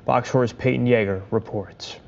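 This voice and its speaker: A man's voice: mid-range voice, normal speed, gravelly, lo-fi sound. Male news anchor, formal. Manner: formal, even anchor delivery. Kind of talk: studio news introduction. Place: TV studio.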